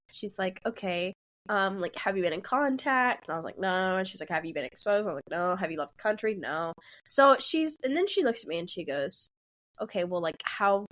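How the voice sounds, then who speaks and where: Laughing her way through a rambling tale, a woman in her twenties co-hosting a podcast acts out what people said during casual chat. Her voice is mid-range and a touch bright.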